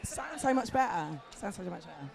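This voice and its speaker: Talking fairly quickly in a mid-range voice, a British agency founder in her forties gives candid panel talk on an outdoor festival stage. She's chatty, animated, and casually sweary, her voice hoarse and worn out, with crowd noise behind this live recording.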